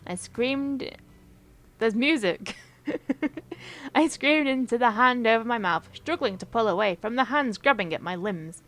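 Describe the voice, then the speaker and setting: A woman's voice: a little high, a little slow, a bit bright. A young woman hosting a let's play, reading a visual novel aloud in a playful, chatty way with frequent giggles. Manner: playful, giggly, chatty asides between narration.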